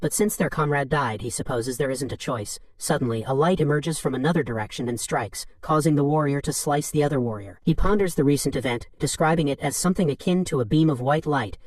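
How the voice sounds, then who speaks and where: A man's voice: on the high side, a little fast, few pauses, a little mellow, dry recording. Man narrating a story recap in a dry room.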